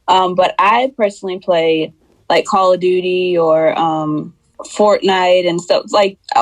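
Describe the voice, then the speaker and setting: A woman in her twenties from the United States talks easily as a podcast guest. Her voice sits on the low side, and the sound is dry and close. She speaks in a loose, rambling way, full of fillers. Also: no echo, rough recording. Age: 20s. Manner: relaxed, chatty, many fillers. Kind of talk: casual chat.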